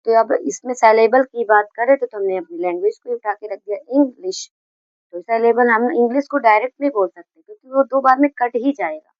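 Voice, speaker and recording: A woman's voice: on the high side, no room sound. Muffled Hindi-accented woman teaching grammar. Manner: explains slowly with repetition and self-corrections. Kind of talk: classroom-style grammar lesson.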